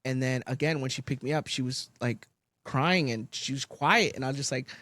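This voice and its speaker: A young man, casually telling a story on a podcast, animated and swearing, loudly acting out quotes. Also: mid-range voice, normal speed, no echo. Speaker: podcast co-host.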